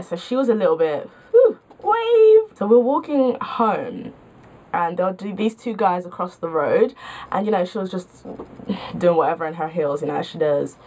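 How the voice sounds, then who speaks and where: A young woman tells stories to camera in a casual vlog. She talks in a chatty, self-mocking way. Her sentences are full of filler words. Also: lowish voice. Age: young adult. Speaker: vlogger.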